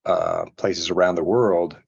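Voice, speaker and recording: Very low-voiced man, earnest event commenter, muffled audio. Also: steady tone, measured pace, gravelly, slightly rough. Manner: earnest, filler-laden. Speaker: guest commenting on a talk. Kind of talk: spontaneous remarks at an event.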